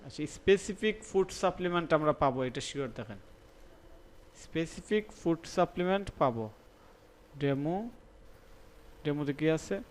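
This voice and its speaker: A man's voice: on the high side, moderate pace, pauses often. A young man with a Sylheti-tinged Bangla accent teaching a live online class, thinking aloud, repeating words and checking that students follow. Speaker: instructor.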